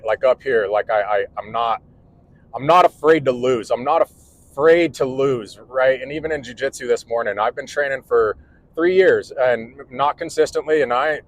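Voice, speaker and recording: A man's voice: medium pitch, poor audio. Earnest rambling man in his forties. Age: 40s. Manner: rambling, earnest, restarts often. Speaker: electrical contractor vlogger. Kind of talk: casual vlog monologue. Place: indoors at home.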